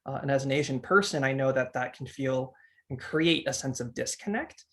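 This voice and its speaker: A teacher from the United States in his thirties co-hosts a webinar, presenting a discussion talk earnestly while often restarting and using fillers. His medium-pitched voice is fairly bright and moves at a normal speed.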